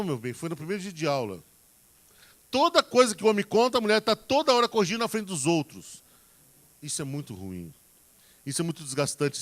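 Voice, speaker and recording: A preacher gives marriage advice in a sermon, speaking to the congregation in a folksy, direct way and acting out everyday examples in quoted voices. His voice is high with a fairly bright tone.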